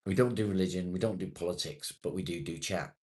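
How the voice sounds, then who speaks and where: A man's low-pitched, husky voice, a little mellow, comes through quickly. He's a livestream host in his late forties, chatting casually and matily with viewers, reading their comments and swearing now and again.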